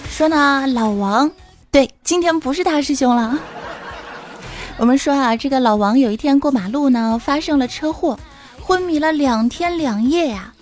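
A woman hosting a comic podcast, telling jokes and teasing her audience in a playful, animated way. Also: high-pitched, normal speed. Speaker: podcast host. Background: background music.

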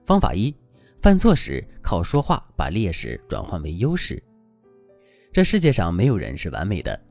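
A man with a low, mellow voice teaches relationship advice in a scripted lesson. His delivery swings widely up and down in pitch, and he leads into each point with a rhetorical question. Soft music plays faintly underneath. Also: vocal fry. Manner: explains step by step, asks rhetorical questions. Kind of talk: scripted instructional talk.

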